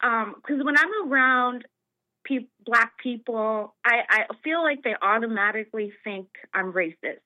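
A woman's voice: a little high, expressive, a little slow, no echo. An American woman calling in to a talk show, speaking in a hesitant, earnest way over the phone. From United States. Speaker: caller. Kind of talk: phone-in conversation. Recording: tinny phone line.

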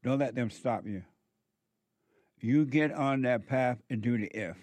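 A man's voice: mid-range voice, unhurried, darkish tone, no room sound. A man hosting a call-in show, exhorting listeners in a preachy way before taking callers. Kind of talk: call-in radio talk.

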